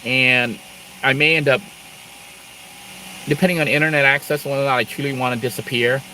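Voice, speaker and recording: Bright-voiced chatty middle-aged man. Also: mid-range voice, steady tone, a little fast, a little hiss or hum, low-quality recording. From Thailand. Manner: rambling, chatty, laughs between asides. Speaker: live-stream host, Air Force veteran. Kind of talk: casual live-stream chat.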